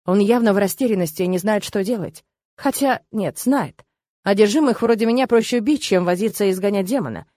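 A woman reading a first-person novel aloud in a lively, expressive way. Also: mid-range voice, brisk, no room sound, studio quality. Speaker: audiobook narrator. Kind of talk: first-person audiobook narration.

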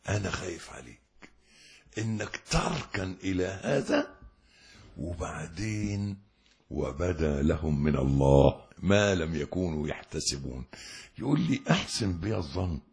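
Husky Egyptian preacher with lively pitch. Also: male voice. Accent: Egyptian Arabic. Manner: impassioned, addresses the listener directly; moves between quiet recitation and loud exhortation. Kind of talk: religious lesson.

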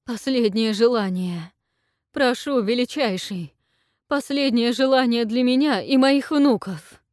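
An aging sea queen and grandmother, desperate and wailing, who pushes her voice high and strained as she begs, as a woman reader plays her. The recording is dry and close. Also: a little slow, darkish tone, dry recording, close to an everyday voice. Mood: pleading.

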